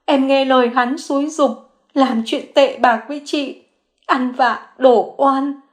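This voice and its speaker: A woman voicing a sobbing young mother. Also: unhurried. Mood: tearful confession. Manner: sobbing, begging, high and strained. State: crying. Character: young mother caught lying, tearful, groveling.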